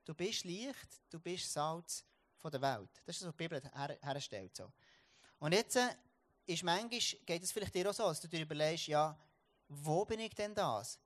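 A Swiss German man preaches in a fairly high voice. He tells a story from daily life with many restarts and repeated words, then turns it into a sermon for his congregation. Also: normal speed, fairly bright tone.

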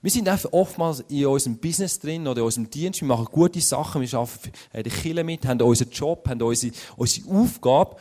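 A man's voice: mid-range voice, fast, few pauses, mellow. A man preaching a sermon in a conversational way, often adding tag questions and acting out quoted speech.

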